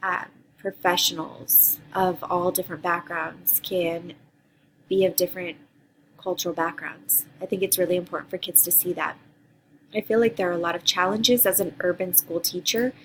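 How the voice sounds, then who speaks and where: This earnest course introduction comes from a Costa Rican woman in her thirties, a teacher who partly reads prepared answers for a graduate course and says um at times. Her voice is on the low side and a bit bright, fairly even at a normal speed, captured in a rough recording with slight background noise.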